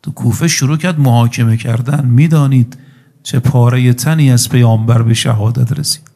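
A man's voice: mid-range voice, mellow. A man preaching a sermon, telling a story that rises into a chanted lament.

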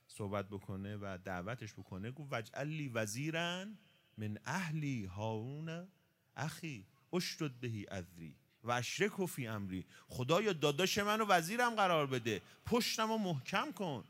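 A man's voice: medium pitch, fairly bright tone. Man giving a conversational religious talk. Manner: explanatory, poses rhetorical questions and answers them. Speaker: religious lecturer.

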